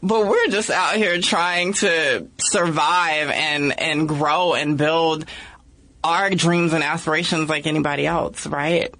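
Slow, bright-voiced earnest woman guest. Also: low-pitched, fairly even intonation. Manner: measured, earnest, often ending points with "right?". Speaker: podcast guest, activist and writer. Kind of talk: casual podcast discussion.

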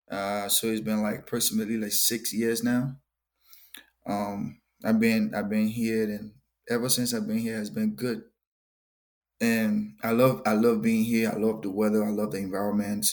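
A man's voice: fairly low pitch, little pitch movement, a little slow, a little mellow. A young Liberian man with a Liberian accent, a gospel musician talking earnestly in a podcast interview and often repeating words. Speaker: gospel musician and worship leader.

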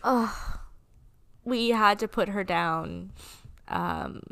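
A woman's voice: on the low side, moderate pace, a bit bright, clean tone, no echo. A woman in her twenties co-hosting a casual podcast chat, talking candidly with some swearing and sometimes close to tears. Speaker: podcast co-host.

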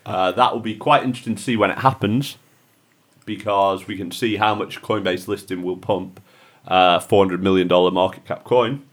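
A man with a fairly low voice, co-hosting a podcast in a loose, joking way. He banters with his friends and laughs easily. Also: steady tone, normal speed. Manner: banterish, jokey, laughs often. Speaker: podcast co-host. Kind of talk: casual chat.

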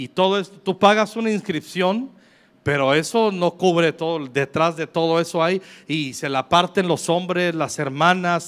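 High-voiced Mexican pastor preaching. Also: male voice. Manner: joking, slangy and conversational, reading scripture aloud. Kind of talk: preaching a sermon to a congregation. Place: church service.

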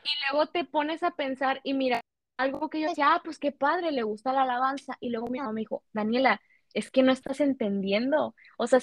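A young woman speaks in a fairly high voice, telling a personal story with deep feeling. Her talk is loose and casual, packed with fillers. The recording is dry, with no room echo. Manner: emotional, heartfelt storytelling with many fillers. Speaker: guest sharing a testimony. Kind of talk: casual conversation.

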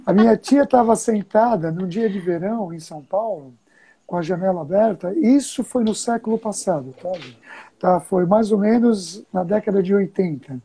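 A woman's voice: mid-range voice, expressive, mellow, husky, rough recording. A woman with a Brazilian accent, a Buddhist teacher chatting casually and telling stories with frequent chuckles. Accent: Brazilian Portuguese. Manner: storytelling, chuckles often, drawn-out pauses. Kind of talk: casual conversation.

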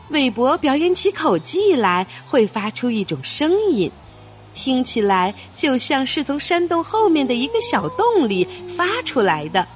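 A woman reading a picture book aloud for children in an expressive storytelling way. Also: fairly high pitch.

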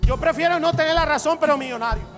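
A male pastor delivering an evangelical sermon, emphatic and repetitive, building to shouts. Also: very high-pitched, quick pace. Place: church sanctuary. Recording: reverberant hall with faint music.

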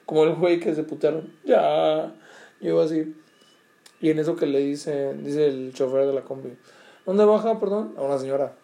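His voice slightly high, gravelly yet warm, with little pitch movement at a normal speed, a young Mexican vlogger narrates a story to viewers. The delivery is slangy and restless, heavy on profanity and filler words, with a Mexican Spanish accent.

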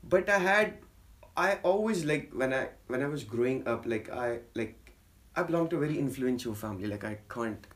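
Slangy Pakistani-born podcast host. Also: male voice, mid-range voice, lively intonation, moderate pace. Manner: slangy, many fillers like "yo" and "fam". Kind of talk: casual chat.

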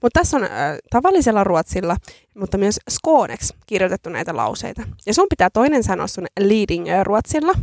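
A woman's voice: mid-range voice, sing-song, vocal fry, few pauses, no room sound, studio quality. A woman co-hosting a podcast, chatting casually and poking fun at herself. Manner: chatty, self-mocking. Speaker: podcast co-host. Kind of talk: casual chat.

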